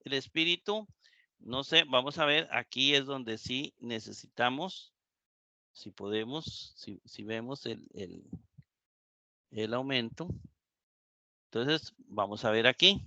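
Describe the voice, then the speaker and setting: A man teaching a live Greek class, slow and explanatory, with many fillers and repeated words. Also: medium pitch, pushed and bright, no room sound, dull audio. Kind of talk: live online lecture.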